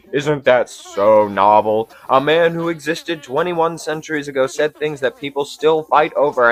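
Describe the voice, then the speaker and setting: Playing a mock stand-up host, a young man runs through a scripted absurdist monologue that is theatrical, profane and exasperatedly sarcastic, heavy on rhetorical questions. His voice is medium-pitched and a bit bright.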